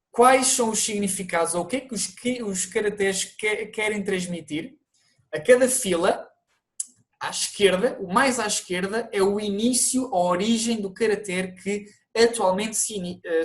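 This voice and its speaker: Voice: medium pitch, unhurried. A teacher with a European Portuguese accent, narrating an online language lesson and explaining things to viewers, with the odd restart.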